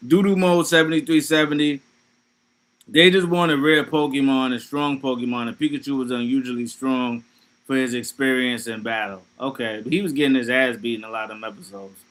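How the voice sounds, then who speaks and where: A man's voice: medium pitch, fairly bright tone. A young man hosting a livestream, riffing loosely with profanity and jokes while reading chat. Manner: loose, profane, joking riffs. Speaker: livestream host. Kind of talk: casual livestream commentary.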